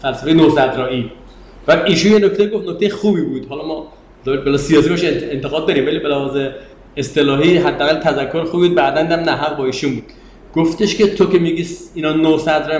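A man's voice: a little high, a little hiss or hum. A middle-aged man giving a university lecture in a conversational, digressive way, turning to his students with questions. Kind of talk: classroom lecture. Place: classroom. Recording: echoey room, faint background ambience.

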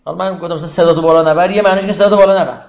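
A man's voice: sits high, steady tone. A man giving an informal religious lecture, explaining verses conversationally and asking the audience rhetorical questions. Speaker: religious teacher. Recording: echoey, dull lo-fi room recording.

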